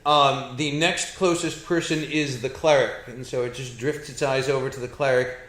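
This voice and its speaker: A man running a tabletop game as game master, narrating off the cuff with halting, improvised phrasing. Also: mid-range voice, steady tone, fairly bright tone. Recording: echoey room.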